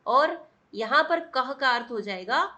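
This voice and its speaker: A woman's voice: sits high, lively intonation, measured pace, sharp tone. A woman teaching a class lesson, patient and repeating checks for understanding. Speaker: Sanskrit teacher. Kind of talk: classroom explanation.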